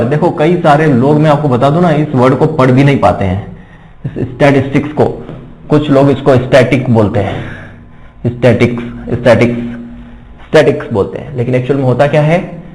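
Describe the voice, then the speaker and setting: A man teaching an exam-prep statistics lecture, who explains slowly, repeats key words and answers his own questions. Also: medium pitch, darkish tone, echoey room, rough recording.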